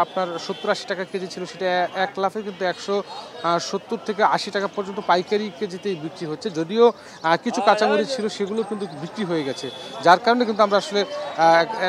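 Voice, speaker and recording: A man with a high voice reports live from a bustling outdoor market. He talks quickly and pads his lines with hesitations, and a loud crowd chatters all around him. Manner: fast, filler-heavy live reporting. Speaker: field reporter. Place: busy outdoor wholesale market. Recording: noisy crowd around the field mic.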